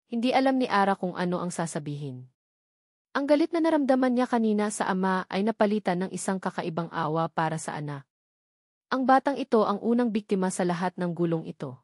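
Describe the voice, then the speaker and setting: Narrating a scripted dramatic story, a Filipino-accented woman speaks in a mid-range voice with a darkish tone. The studio recording is clean, without any room sound.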